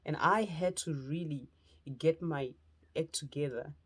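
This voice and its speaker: A woman's voice: low-pitched, measured pace, husky. A woman from Zimbabwe with a Zimbabwean accent, giving an earnest personal testimony as a motivational speaker and lifestyle preacher. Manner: earnest, heartfelt, speaking in short phrases.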